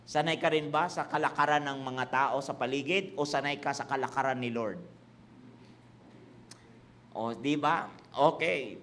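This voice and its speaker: A man's voice: mid-range voice, unhurried, pauses often, a bit bright, slight background noise. A man preaching a sermon, repeating his points and teasing the congregation. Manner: preaching in Tagalog-English mix, repetitive, teasing the congregation. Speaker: pastor. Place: church hall with congregation.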